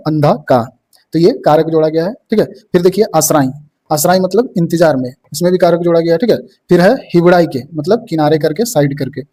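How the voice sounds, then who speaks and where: A man's voice: a little high, warm tone. A young man from teaching an exam-prep lesson, explaining each term and saying "ठीक है" again and again.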